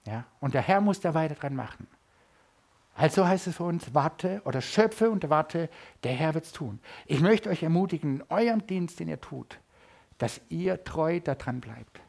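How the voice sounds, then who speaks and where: A middle-aged German man preaches a sermon at a church service, alternating between loud emphasis and quiet asides. His voice is fairly high and gravelly, with lively intonation and normal speed.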